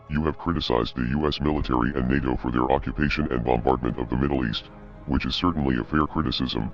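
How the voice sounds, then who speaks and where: A man reading a scripted statement as an anonymous activist spokesperson in a disguised, pitched-down voice, cold, measured and ominous. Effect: disguised, pitched-down deep voice. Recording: dull lo-fi audio, music behind.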